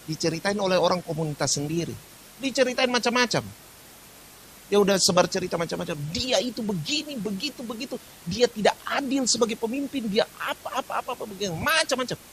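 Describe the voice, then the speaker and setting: A man preaching a sermon, telling stories with lively shifts. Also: high voice, slight background noise, low-quality recording. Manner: lively storytelling, sings worship lines slowly. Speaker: pastor.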